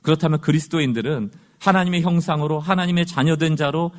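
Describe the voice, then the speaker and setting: A man's voice: fairly high pitch, fast talker. A man preaching a sermon as pastor, talking in a conversational way and asking the congregation rhetorical questions.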